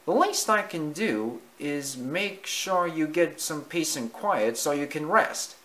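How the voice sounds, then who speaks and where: A storybook reader voicing an earnest, eager little male circus mouse in a high voice. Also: animated, slow, fairly bright tone.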